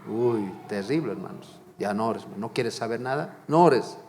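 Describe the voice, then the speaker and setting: A man's voice: fairly low pitch, lively intonation, moderate pace, darkish tone, big-room sound, a little hiss or hum. A man preaching a sermon as pastor, fervent and repetitive, asking the congregation question after question. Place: church.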